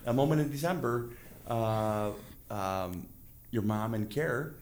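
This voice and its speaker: A man's voice: mid-range voice, expressive, slow, darkish tone, a little hiss or hum. A man hosting a casual interview, joking and effusive, rambling his way into questions. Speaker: interviewer, host.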